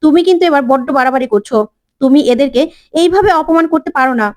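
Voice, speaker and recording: A woman's voice: high-pitched, fast talker, darkish tone, close to an everyday voice. A woman voicing a stern middle-aged father who rebukes in a firm way. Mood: rebuking.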